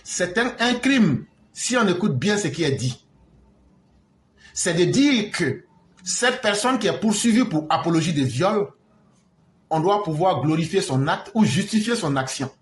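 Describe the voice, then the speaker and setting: High-voiced Ivorian man telling a story. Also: expressive, unhurried, roomy sound, slight background noise. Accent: Ivorian French. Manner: retells dialogues, mixes in street slang. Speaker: political commentator. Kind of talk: animated storytelling commentary.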